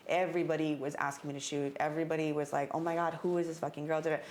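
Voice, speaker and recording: A woman's voice: low-pitched, level tone, rapid-fire, a little mellow, a little hiss or hum. A woman candidly telling a personal story in casual chat, swearing freely. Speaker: guest.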